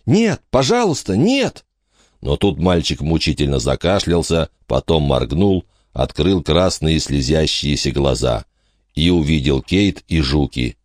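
A man narrating an audiobook in a dramatic, measured reading style. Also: rumbling low, dry recording, studio quality. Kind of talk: scripted narration.

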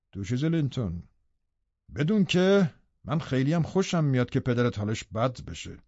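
Male narrator doing a menacing captor, sneering and scornful, lively swings in pitch; dry, slightly dull recording. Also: no room sound. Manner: taunting, scornful, cutting. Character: cruel, menacing middle-aged male captor. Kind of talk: audiobook character reading.

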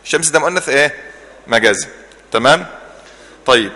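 A man with an Egyptian Arabic accent teaches a religious class at a quick clip. His voice is bright and fairly high, and it rings with the long reverb of a hall. He quizzes the students with leading questions and answers them himself. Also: expressive. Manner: repeats key words slowly to drill them. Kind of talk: classroom Islamic jurisprudence lesson.

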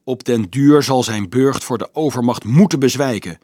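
A man doing a calm, mocking young student. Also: medium pitch, moderate pace, dry recording, natural voice. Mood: reasoning. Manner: calm, dry, sometimes pleading.

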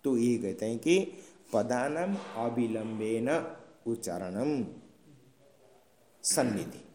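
A man gives a classroom lecture, explaining slowly and patiently in a warm, dark voice. He keeps checking that his students follow along. The recording has a roomy echo from the hall around him. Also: medium pitch, lively intonation. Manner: slow, patient explaining with frequent checking questions. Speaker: teacher. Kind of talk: classroom lecture on Sanskrit grammar. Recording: roomy echoing room sound.

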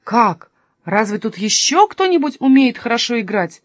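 An eager, easily amazed town barber who gets carried away, as a woman reading a storybook puts him on. His voice jumps high and loud with lively swings. The reading is close and dry. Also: normal speed, no echo. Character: excitable small-town male barber.

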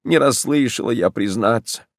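A man's voice: medium pitch, normal speed, no room sound, clean studio sound, natural voice. A man reading an audiobook voices an old peasant woman who mumbles, laments and scolds. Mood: lamenting. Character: old peasant woman, grumbling, hard of hearing. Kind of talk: audiobook narration.

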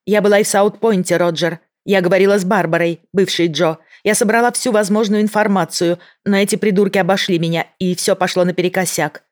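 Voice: medium pitch, fairly even intonation, a little fast, few pauses, pitched above the performer's own voice, close to an everyday voice. A reader voicing a female agent who keeps her voice in check while negotiating with a bomber. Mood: tense. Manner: controlled, pleading, restrained. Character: tense female federal agent, holding her voice steady. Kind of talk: audiobook character voice.

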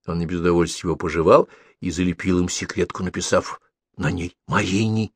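A man reading an audiobook as narrator, expressive and storytelling. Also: deep voice, a little fast, slightly rough, dry recording. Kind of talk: scripted narration.

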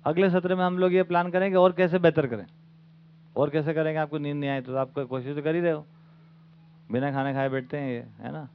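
A man's voice: fairly high pitch, little pitch movement, brisk, clear, resonant tone. A man giving an informal talk as the teacher of a study camp, often asking his audience rhetorical questions. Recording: phone-like lo-fi recording.

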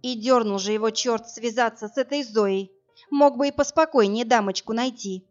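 A woman narrating a first-person audiobook in a steady, even storytelling voice. The recording is dull and lo-fi, and faint music runs beneath her. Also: on the high side, moderate pace.

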